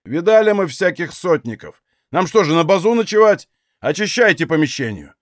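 A man voicing a rude, loud armed Cossack soldier shouting orders in an audiobook. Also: sits high, very animated, normal speed, dry recording, studio quality.

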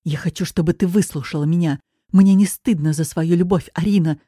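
A drunk, aggressive young man pressing himself on a woman, voiced in a low, mellow register by a woman reading an audiobook. His delivery is pushy and menacing, set in a close, dry recording. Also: brisk, breathy edge, no room sound. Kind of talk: audiobook character voice.

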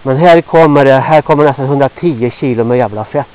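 An older Swedish man rambles on to himself as he trudges through the woods, gruff and chatty, a bit winded and sweaty. His voice sits at an ordinary middle pitch. The handheld outdoor recording sounds dull and lo-fi. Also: a little mellow. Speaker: vlogger. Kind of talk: rambling walk-and-talk monologue. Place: outdoors in a forest.

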